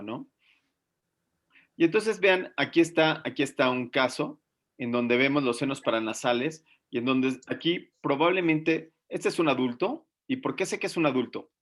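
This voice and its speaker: Man, medical teacher, lively and questioning, lots of fillers. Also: medium pitch, moderate pace. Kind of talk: online class discussion.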